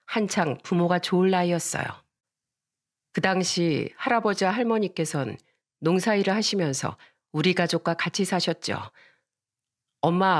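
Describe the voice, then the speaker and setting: Calm woman narrating a story. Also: fairly low pitch.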